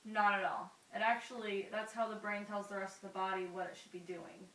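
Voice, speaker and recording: A young woman plays the explainer in a scripted educational skit. She walks through each point patiently, step by step, at an ordinary middle pitch. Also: steady tone, fairly quick, sharp tone, slight background noise, low-quality recording. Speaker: explainer in a school video skit.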